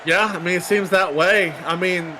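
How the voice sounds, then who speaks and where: A man's voice: high voice, steady tone, normal speed, over a noisy crowd, heavy background noise. A man calling wrestling play-by-play, counting pinfalls aloud and dropping chatty news asides. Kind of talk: play-by-play commentary.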